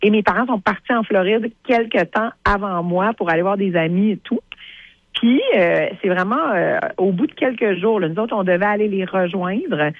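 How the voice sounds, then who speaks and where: Une femme à l'accent québécois, invitée d'une émission de radio, raconte son histoire avec animation et imite les répliques. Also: female voice, medium pitch, moderate pace, husky, no room sound, phone-quality sound. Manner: animated storyteller who acts out quotes. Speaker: guest, creator of a TV series. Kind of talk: radio interview.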